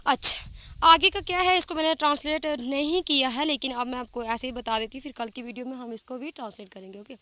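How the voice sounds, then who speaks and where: A woman teaching simple English sentences outdoors, reading each sentence and then saying it slowly in English. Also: high-pitched, pushed and bright, dry recording, lo-fi sound. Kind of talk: casual spoken English lesson. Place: outdoors in windy fields while grazing cattle. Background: wind and rural outdoor sounds.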